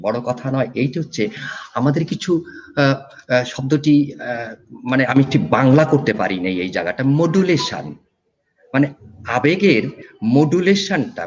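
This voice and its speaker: A man's voice: on the high side, muffled recording. A man judging a recitation contest, giving spoken feedback and sounding out pronunciations. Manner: lively, demonstrates pronunciation aloud. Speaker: recitation competition judge.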